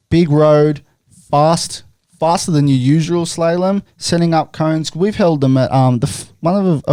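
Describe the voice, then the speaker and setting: A man's voice: medium pitch, warm tone, no echo, studio quality. A young man hosting a podcast, talking casually and rambling with lots of "you know" fillers. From Australia. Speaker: podcast host. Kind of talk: casual chat.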